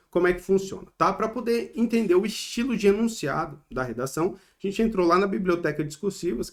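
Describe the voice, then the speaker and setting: A man with a Brazilian Portuguese accent teaching an online exam-prep lesson, explaining step by step and often checking in with tag questions. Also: on the high side.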